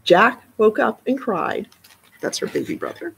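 A woman's voice: medium pitch, wildly swooping pitch, a little slow, creaky, husky. A middle-aged woman, a children's librarian, reading a picture book aloud in a live story time and adding explanatory asides.

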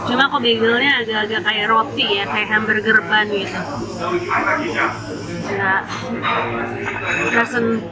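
Over a noisy crowd and music, in a low-quality recording, a slightly high-voiced woman talks slowly and steadily with long pauses. The Indonesian food vlogger, in her thirties, chats her way through a cafe and grocery shop indoors, sprinkling in English.

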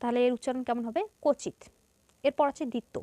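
A woman with a fairly high voice and a Bangladeshi Bengali accent teaches a grammar lesson. She explains each point step by step and poses questions to her students that she then answers herself. The sound is dry and close, with no room around it. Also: steady tone, very fast, dark tone, no echo.

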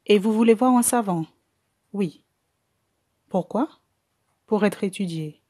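A woman reading the part of a curt young male hospital intern who fires brisk questions, in an audiobook. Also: medium pitch, dark tone, slightly rough, no echo, clean studio sound. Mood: questioning.

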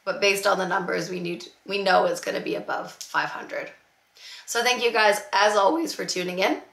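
A woman in her thirties with a hoarse, recovering voice, giving an informal news update to camera in a roomy indoor space. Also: medium pitch, moderate pace, a bit bright. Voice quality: hoarse, gravelly. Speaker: host of an immigration news channel. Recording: roomy, echoing indoor sound.

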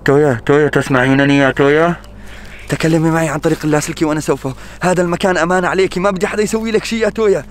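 A man's voice: fairly high pitch, fairly even intonation, very fast, slight background noise. A man with a Levantine Arabic accent hosting an adventure vlog, calling out urgently and muttering prayers. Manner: frantic, urgent calling out and praying under his breath. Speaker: adventure vlogger. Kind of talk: staged adventure vlog narration.

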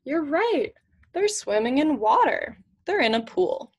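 A young woman in her twenties reads a picture book aloud to children in a small room at home with shelves. Her high voice is sing-song and a little slow, and she uses simple, teacherly phrases and asks questions.

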